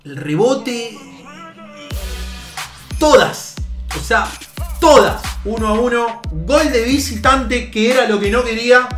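A young man with an Argentine accent giving playful gameplay commentary, coaching his team and yelling at goals. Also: very high-pitched, expressive, slow, pauses often. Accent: Argentine Spanish. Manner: playful, talks to players like a coach, yells at goals. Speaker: gaming youtuber. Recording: echoey room with music behind.

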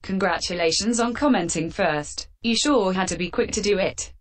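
A woman hosting a fan Q&A with sarcastic, deadpan answers, her voice run through a metallic filter. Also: medium pitch, moderate pace. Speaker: channel host answering fan questions. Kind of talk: scripted comedic Q&A.

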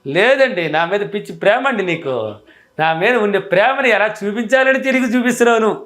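A man's voice: high voice, fast talker, a bit bright, voice pushed up. A man voicing an affectionate wife who sweetly coaxes her grumpy husband, in a teasing, pleading way. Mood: coaxing affectionate.

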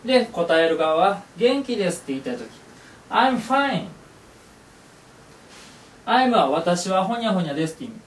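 A man's voice: high voice, sing-song, moderate pace, long pauses, slight background noise. A male teacher who gives a classroom lesson, upbeat and encouraging, repeating phrases aloud. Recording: echoey room, voice from far off.

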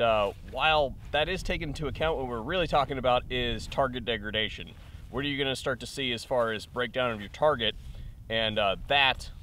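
Male host, bright forceful voice, technical and plainspoken, outdoor range demo. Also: mid-range voice, a little hiss or hum. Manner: plainspoken, technical, addresses viewers directly. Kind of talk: casual firearms demonstration.

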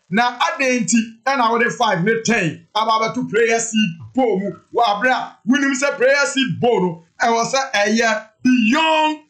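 A man in his thirties giving animated, emphatic commentary to camera from a room indoors. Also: very high-pitched. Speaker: online show host. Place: indoor room before a backdrop image.

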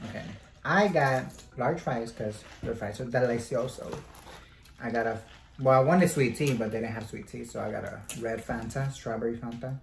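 A man hosting a casual mukbang chat with friends, relaxed and slangy, dropping in Spanish words. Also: mid-range voice, moderate pace, vocal fry. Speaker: host. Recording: roomy echo.

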